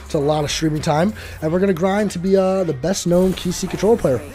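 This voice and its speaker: A man streaming a video game live, talking to his chat in an excitable way, swearing often and calling everyone dude and bro. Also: sits high, fast.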